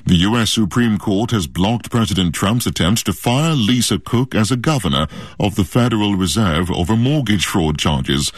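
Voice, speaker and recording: A man reading a formal scripted radio news bulletin in a measured way. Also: on the low side, lively intonation, slightly rough, no echo. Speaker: newsreader.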